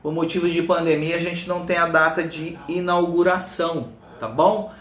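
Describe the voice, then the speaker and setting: A man's voice: fairly high pitch, fairly even intonation, normal speed, a bit bright, slight background noise. A Brazilian man hosting a casual live stream, chatting informally to viewers by name, his speech slightly thick from a swollen tongue. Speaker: live stream host, fitness coach. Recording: roomy, echoing room sound.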